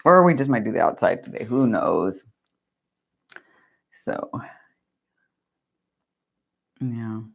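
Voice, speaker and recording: A woman's voice: rumbling low, big pitch swings, a little slow, creaky. A woman telling a rambling, chatty story while she crafts, often laughing at her own tale. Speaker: craft vlogger.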